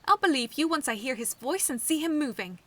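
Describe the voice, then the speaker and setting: A woman's voice: high-pitched, lively intonation, brisk, fairly bright tone, pitched above the performer's own voice. A woman voicing a fierce, protective female robot fighter who speaks in a commanding way, in a fanfiction read aloud. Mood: challenging.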